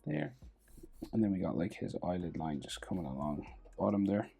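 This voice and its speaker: A host giving a casual step-by-step drawing tutorial, thinking aloud in short, halting fragments. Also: deep voice, sing-song, creaky, warm tone, slightly rough. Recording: background noise and music.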